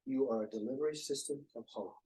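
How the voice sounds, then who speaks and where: A man presenting to a small faith gathering, reflective, quoting writers and pausing often. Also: mid-range voice, mellow, husky, poor audio. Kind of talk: informal group talk.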